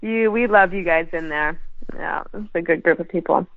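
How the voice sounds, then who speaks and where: A woman's voice: fairly low pitch, normal speed, dry recording, phone-quality sound. A young woman co-hosting a podcast in casual chat, giggly and teasing. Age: young adult. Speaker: podcast co-host.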